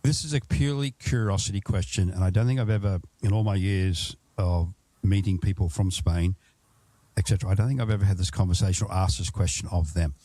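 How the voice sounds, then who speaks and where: An Australian man with a low, mellow voice hosts a travel podcast, talking a little fast in a dry recording. His casual interview chat rambles through questions, and he often starts them over.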